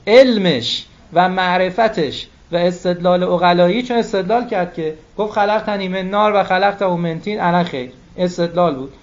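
A man giving a religious sermon, emphatic, repeating key phrases and quoting Arabic texts. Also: sits high. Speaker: cleric. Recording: dull lo-fi recording.

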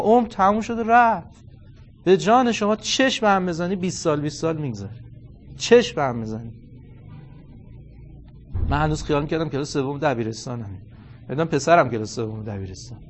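A man in his forties giving a religious lecture, animated and storytelling, acting out bits of dialogue and reciting Arabic quotations. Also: a little high. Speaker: cleric lecturer.

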